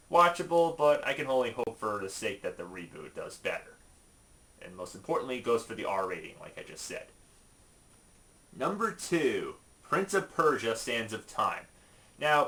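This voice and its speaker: In casual, opinionated video commentary, a man runs through a top five list, informal and emphatic, with halting asides. His mid-range voice is sing-song and a bit bright.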